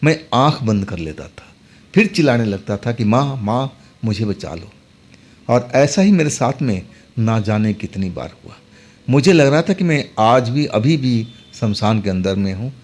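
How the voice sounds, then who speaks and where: A man's voice: medium pitch, very animated, normal speed, a little mellow. A man narrating a first-person horror story in a dramatic, conversational way.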